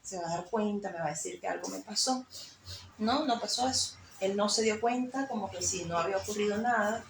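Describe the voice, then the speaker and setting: Woman, emotional faith testimony, creaky tone, roomy sound. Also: mid-range voice, fairly quick, slight background noise. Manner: emotional, storytelling with frequent fillers. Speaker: guest sharing testimony. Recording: echoey room with faint ambience.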